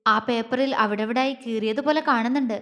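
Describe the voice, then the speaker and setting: A woman storyteller reading a serialized love story with steady, measured narration. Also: on the high side. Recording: long reverb.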